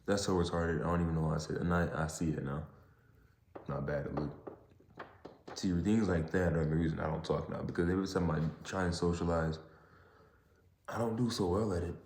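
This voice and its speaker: A young man talking casually and haltingly on his own as a podcast host, recorded in a parking garage. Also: low voice, steady tone, a little mellow. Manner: halting, repeats and rephrases himself. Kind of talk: casual solo monologue. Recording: echoey garage.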